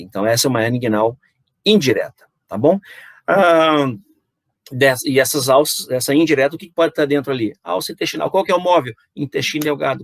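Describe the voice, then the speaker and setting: A man's voice: medium pitch, dry recording, studio quality. A middle-aged man with a Brazilian Portuguese accent, giving a university anatomy lecture and peppering it with "né?" and rhetorical questions to his students. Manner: explanatory, frequent "né?" and "então", rhetorical questions to students. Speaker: anatomy professor.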